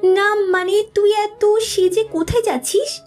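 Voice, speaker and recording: A woman's voice: very high-pitched, fairly even intonation, a little slow, a little mellow, faint music behind. A woman voicing a timid young college girl, a little sister who talks in a pleading, childlike way.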